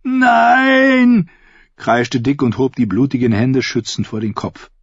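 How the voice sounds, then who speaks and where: A man reading a fantasy audiobook in a steady, measured narration. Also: medium pitch, breathy edge, no echo. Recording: dull, lo-fi and dry.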